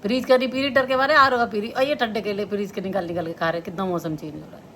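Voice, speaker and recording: A woman's voice: mid-range voice, steady tone, fast talker, fairly bright tone, a little hiss or hum. Chatty middle-aged woman vlogger. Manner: chatty, laughs often while telling. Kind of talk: casual chat to viewers.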